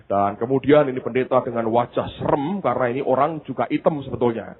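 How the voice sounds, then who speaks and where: A man's voice: medium pitch, fast, slight background noise. A male pastor preaching a sermon, telling stories with animation and often addressing the congregation directly. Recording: tinny phone-like sound.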